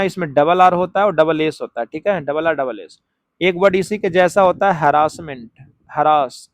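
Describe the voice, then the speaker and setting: A bright-voiced Hindi-speaking male tutor. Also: sits high, no echo. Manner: explains step by step, repeats key words slowly, asks and answers his own questions; writes on a board while talking. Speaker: English teacher. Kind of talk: exam-prep grammar lesson.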